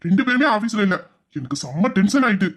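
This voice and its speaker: A man's voice: high-pitched, big pitch swings, fast, fairly bright tone, heavily acted. A man playing a teasing, scolding husband. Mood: complaining. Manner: mock-stern and teasing. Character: teasing, scolding young husband and office boss. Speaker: hero of an audio drama. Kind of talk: Tamil audio drama acting.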